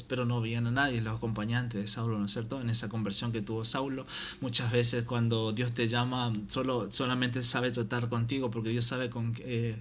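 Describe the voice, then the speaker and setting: A man gives his personal faith testimony, halting and restarting often and tagging his sentences with a repeated question. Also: mid-range voice, fairly bright tone, slight background noise.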